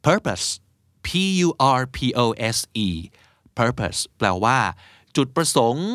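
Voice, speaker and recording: A young adult man teaching vocabulary in a relaxed, chatty way, stopping to spell words out one letter at a time. His voice sits at an ordinary middle pitch. The recording is dry and close, with no room sound. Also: extremely slow, no room sound. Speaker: English teacher and host. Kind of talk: explaining vocabulary in a casual podcast.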